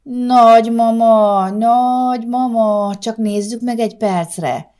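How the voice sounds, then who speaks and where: A woman's voice: a little high, fairly even intonation, warm tone, pitched above the performer's own voice, lightly acted. A woman voicing an eager seven-year-old boy who pesters his grandmother. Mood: pleading. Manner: whiny and insistent.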